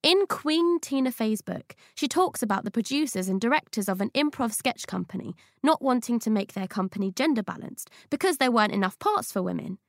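Creaky-voiced woman reading a witty essay. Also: on the high side, lively intonation, fairly quick, few pauses, no room sound, clean studio sound. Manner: playful, witty, slangy delivery. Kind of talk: scripted audiobook essay reading.

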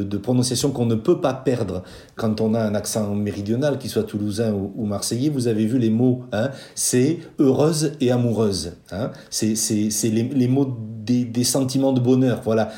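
Measured male linguist, mellow voice. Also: medium pitch, echoey room. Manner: measured, deliberate, many hesitations. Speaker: linguist guest. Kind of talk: explanatory interview answer.

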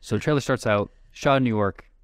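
A man co-hosting a casual podcast, talking quickly and tripping over his words as he rambles. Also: mid-range voice, smooth, dry recording, studio quality. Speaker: podcast co-host. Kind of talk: casual chat.

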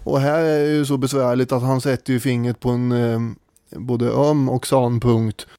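His mid-range voice is warm, mellow, clear and resonant, though the delivery stays flat. Co-hosting a casual history podcast, he thinks aloud with frequent filler stops, and the recording is close and dry with no room sound.

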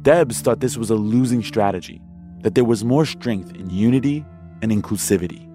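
A man's voice: lowish voice, normal speed, warm tone. Male documentary narrator over music. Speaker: host and narrator.

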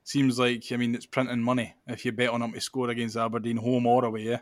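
Scottish man, fairly flat pitch, dry sound. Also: quick pace, no echo. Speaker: podcast host. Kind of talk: casual football chat.

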